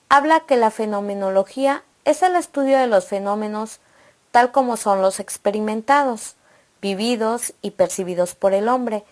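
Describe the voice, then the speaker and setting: A woman narrates a scripted lesson in a slightly high voice. She reads steadily and works through numbered points one after another. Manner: steady, read-aloud delivery listing points. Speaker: presenter of an educational video.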